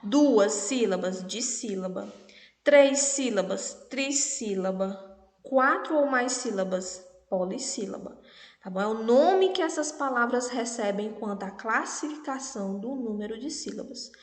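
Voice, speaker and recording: Brazilian woman, primary teacher, patient and over-articulated, slightly high voice, long reverb. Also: animated, a little slow. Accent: Brazilian Portuguese. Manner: patient, checks in with "tá bom?" and "né?" often; clear, over-articulates words for children. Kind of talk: recorded online lesson for children. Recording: echoey room with long reverb.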